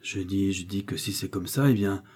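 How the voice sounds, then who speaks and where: A man's voice: low-pitched, moderate pace, a little mellow, breathy edge. A man reading the part of a cautious, meek old husband who answers with hesitant bewilderment. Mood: bewildered.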